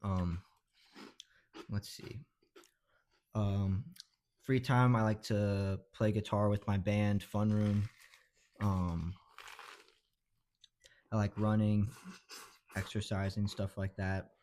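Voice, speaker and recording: A man's voice: lowish voice, takes it slowly, pauses often, slight background noise. A young man in his twenties from Georgia, a medical student chatting casually with many ums. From Georgia, USA. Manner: relaxed, easygoing, many ums. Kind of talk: casual chat.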